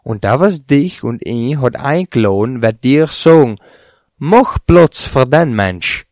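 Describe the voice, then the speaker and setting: Man, scripture reading, steady plain delivery, mid-pitched voice, dry close sound. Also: slow, dry recording. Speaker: scripture reader. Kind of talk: reading a Bible chapter aloud.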